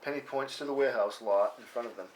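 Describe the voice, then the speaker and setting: Delivering scene headings and action lines quickly, a mid-range-voiced man acts as the stage-direction reader for a table read's scripted narration. The live room recording is noisy and has clicks.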